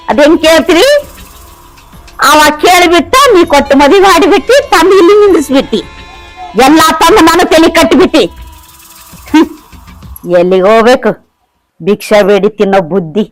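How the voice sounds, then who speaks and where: A woman's voice: medium pitch, close to an everyday voice, low-quality recording. An actress playing a scornful, rich village stepmother-in-law, speaking with a North Karnataka accent. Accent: North Karnataka Kannada. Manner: taunting, contemptuous. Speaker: actor.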